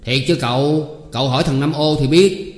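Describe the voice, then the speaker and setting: A man's voice: on the high side, moderate pace, voice pushed up, close to an everyday voice. A man playing a sneaky young male farmhand who tells tales, in a storybook reading in an echoey room. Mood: eager. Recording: echoey room, long reverb.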